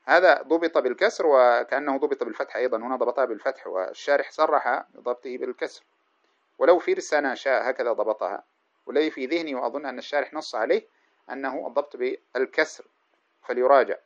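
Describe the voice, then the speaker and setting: Male religious teacher, quick explanatory lecturing, self-correcting; dull lo-fi recording. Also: medium pitch. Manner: explanatory, pauses and corrects himself mid-sentence. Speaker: Islamic scholar teaching hadith.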